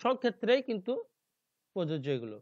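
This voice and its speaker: A male teacher with a Bengali accent talks through exam questions in a lecture. He reads English phrases slowly and drops into quiet asides. The recording is dry and a little dull. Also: big pitch swings, no echo. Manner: explains slowly, reads English options aloud slowly, drops to low mutters.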